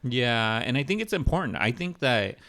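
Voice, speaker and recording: A young man co-hosting a casual podcast discussion, pausing often with ums and restarting his sentences. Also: medium pitch, sing-song, sharp tone. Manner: hesitant, many ums and restarts. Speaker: podcast co-host.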